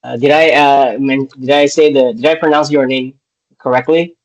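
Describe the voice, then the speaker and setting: A man's voice: medium pitch, steady tone, normal speed. A man from Indonesia hosting a podcast interview over a video call, hesitant and full of filler words. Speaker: podcast host. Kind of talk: casual interview. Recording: dull lo-fi video call audio.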